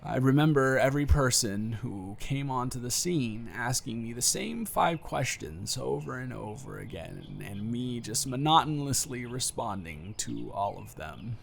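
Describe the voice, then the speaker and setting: Here a man voices the same nervous young man opening up to a close friend in an intimate scripted audio drama, his delivery grieving and subdued. The words come out emotional and rambling, stalling at moments before turning emphatic. His pitch jumps widely from phrase to phrase, and the creaky performance is heavily acted.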